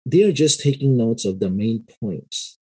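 A middle-aged man talks through his ideas in an unhurried, explanatory way, like a pastor who also teaches. His voice is mellow and warm, with a slightly husky grain. He speaks at a middle pitch and keeps dropping in a casual "you know". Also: lively intonation, rough recording. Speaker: pastor and seminary lecturer. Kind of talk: casual interview talk.

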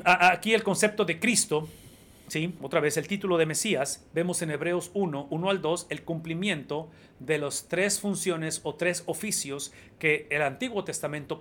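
A pastor preaches a Spanish sermon emphatically, repeating phrases and often checking in with the congregation by asking "¿verdad?" His voice is a little high with a fairly bright tone.

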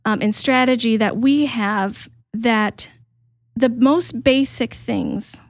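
A woman's voice: fairly high pitch, slow, no room sound, clean studio sound. Bubbly woman hosting a podcast. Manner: enthusiastic, chatty, frequent fillers. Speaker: podcast host.

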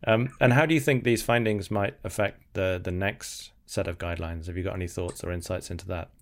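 A man's voice: low-pitched, fairly quick. A man hosting a podcast interview, asking thoughtful questions. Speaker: podcast host.

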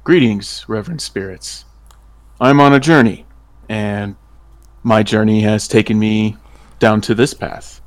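A man's voice: on the low side, unhurried, long pauses, dry recording, close to an everyday voice. Man playing a solemn, honourable werewolf traveler. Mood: respectful. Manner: formal, deferential. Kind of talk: tabletop role-play character acting.

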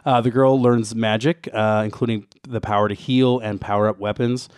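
A man's voice: lowish voice, little pitch movement, normal speed, a little mellow, clean tone, no echo. A man co-hosting a casual retro gaming podcast, presenting background notes with wry, joking asides. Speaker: co-host giving game background.

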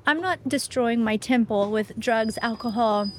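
A woman talking as a guest in a casual conversation, animated and chatty with lots of fillers. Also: a little high, a little slow, slight background noise. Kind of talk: casual conversation about faith.

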